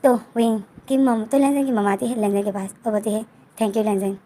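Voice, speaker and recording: A woman retells a romance fan story in a casual, chatty way, talking straight to her viewers. Her voice is fairly high but soft and mellow. She keeps an easy, enthusiastic flow. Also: fairly quick.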